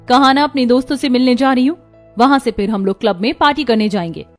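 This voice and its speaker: A woman voicing a young daughter-in-law and a sulky daughter in a cartoon, gentle or sharp by turns. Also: fairly high pitch, quick pace, faint music behind, lightly acted. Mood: petulant.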